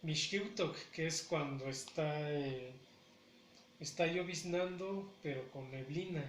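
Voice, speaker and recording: Slow, deliberate man teaching pronunciation. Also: fairly high pitch. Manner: repeats words syllable by syllable, deliberate. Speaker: Nahuatl language teacher. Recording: echoey room with faint ambient noise.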